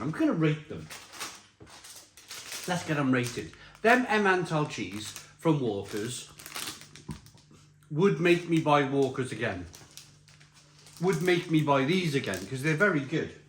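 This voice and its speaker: Animated British man reviewing snacks while eating. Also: fairly high pitch, unhurried, pauses often. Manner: talks while tasting and eating crisps; chatty, emphatic, repeats phrases. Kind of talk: casual spoken review to camera. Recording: roomy echo, faint background noise.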